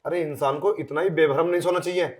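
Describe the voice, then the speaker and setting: A man playing an angry husband and master of the house who shouts accusations in a short film drama. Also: a little high, steady tone, quick pace, natural voice.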